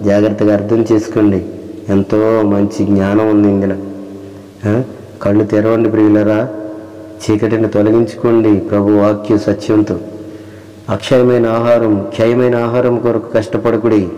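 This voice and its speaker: Deep-voiced man preaching slowly. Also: little pitch movement, warm tone, big-room sound, poor audio. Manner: slow, repetitive preaching with rhetorical questions and scripture reading. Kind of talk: sermon.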